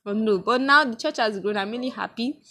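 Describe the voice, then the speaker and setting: A young Nigerian woman talks to her viewers in a chatty vlog, slipping into pidgin now and then. Her voice sits a touch high, and its tone is bright and sharp. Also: brisk. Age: young adult. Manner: chatty, mixes in pidgin, animated storytelling. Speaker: vlogger. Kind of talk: casual vlog chat.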